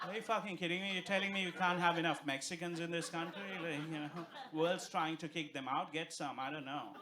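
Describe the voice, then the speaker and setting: Here a young Indian-accented man from India works a comedy club crowd with brash, profane stand-up punchlines, laughter rising around him. He speaks fairly quickly in a fairly high, fairly even voice, with the crowd audible behind him.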